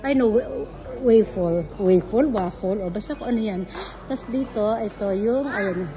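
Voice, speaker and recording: A woman's voice: mid-range voice, a little slow, a crowd in the background. Chatty woman touring a hotel. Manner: chatty, calls to her child, points things out. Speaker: travel vlogger. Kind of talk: casual hotel tour vlog. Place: hotel lobby and halls, indoors. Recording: handheld camera, noisy background.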